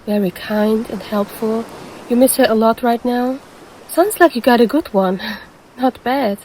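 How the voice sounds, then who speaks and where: A woman's voice: fairly high pitch, unhurried, a little mellow, slight background noise, rough recording. A woman voicing a predatory female siren who poses as a lifeguard and teases the listener in an audio roleplay. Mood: concerned, puzzled. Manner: teasing, calls the listener handsome.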